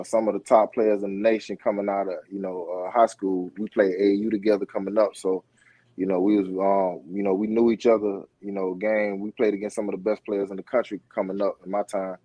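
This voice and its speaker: Podcast guest: middle-aged Floridian man, low mellow voice, rambling with fillers, dry sound. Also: level tone, normal speed, no room sound, lo-fi sound. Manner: rambling, many fillers and restarts. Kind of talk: casual interview talk.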